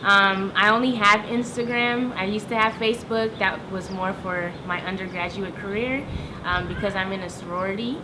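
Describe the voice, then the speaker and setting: Careful twenty-five-year-old woman, rumbling noise. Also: steady tone, moderate pace. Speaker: academic advisor. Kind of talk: documentary interview answers.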